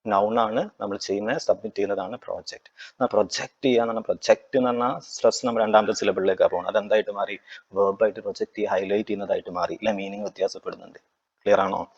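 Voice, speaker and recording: A man teaching an exam-prep lecture, asking his students frequent tag questions and reading English lines slowly. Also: on the low side, steady tone, breathy edge, highs cut off.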